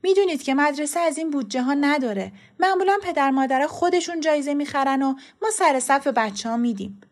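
A woman reading a story aloud, voicing a female schoolteacher who explains in a hurried, nervous way. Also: high voice, lively intonation, pitched above the performer's own voice. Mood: flustered.

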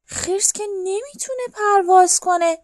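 A woman storyteller reading a children's story aloud, hushed and whispery, dramatic, speaking to the children listening. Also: extremely high pitch, dry recording, clean studio sound.

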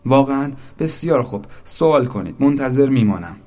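A man voicing Little Zoraq, a small, stubborn soul who pleads loudly and insistently. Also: mid-range voice, animated, voice pushed up, lightly acted. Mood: surprised.

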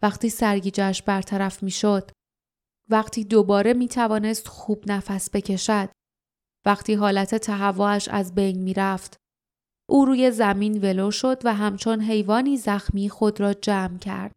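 Warm-voiced woman narrating an audiobook. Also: mid-range voice. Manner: calm, even storytelling.

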